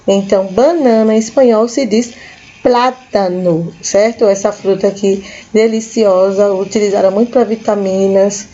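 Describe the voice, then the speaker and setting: A woman with a Brazilian Portuguese accent, teaching a recorded lesson to children, slowly and patiently repeating each word for young learners. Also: medium pitch, steady tone, mellow, dull audio. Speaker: school teacher.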